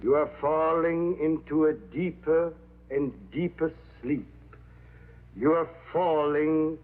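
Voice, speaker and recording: An actor playing a con man who poses as a temperamental hypnotist professor, with grandiose, deliberate delivery in a vintage crime drama. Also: on the high side. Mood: hypnotic, soothing. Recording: tinny band-limited old TV soundtrack, humming noise.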